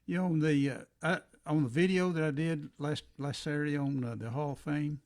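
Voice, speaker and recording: A man's voice: on the high side, steady tone, fairly quick, darkish tone. A man chatting casually on a video call, rambling and repeating his words. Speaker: songwriter.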